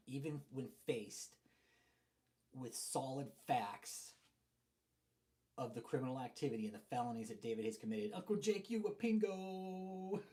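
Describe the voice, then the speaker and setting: A blunt, profane man hosting a live stream, his voice hollow and distant as if through a tube from a loose mic. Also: medium pitch. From Texas. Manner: blunt, profane, greets chat viewers by name. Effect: sounds like he is talking through a tube, quiet and far off. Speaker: livestream host. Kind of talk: casual live stream commentary. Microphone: desk mic with a loose plug.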